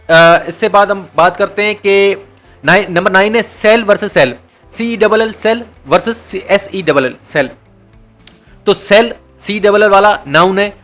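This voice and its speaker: A man from Pakistan teaching an exam prep lecture, who mixes Urdu explanations with English terms and slows down to read definitions aloud. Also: sits high, fairly bright tone.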